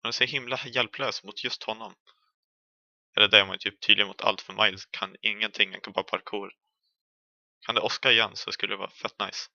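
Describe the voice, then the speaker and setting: A man's voice: on the low side, creaky, bright, forceful tone, dry recording, dull audio. A young man with a Swedish accent giving chatty, jokey commentary while playing a horror game, yelping when chased. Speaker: gaming streamer.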